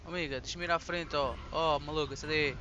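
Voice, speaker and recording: A man's voice: a little high, a little fast, lo-fi sound. A man with a European Portuguese accent giving frantic, swearing commentary over his own gameplay. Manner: excitable, swearing, frantic exclamations. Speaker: gaming channel host.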